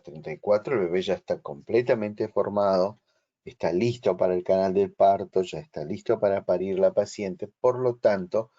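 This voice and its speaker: A man with a Rioplatense Spanish accent giving a slow, explanatory online lecture and checking that his students follow. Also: deep voice, mellow, muffled recording. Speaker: instructor. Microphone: video call.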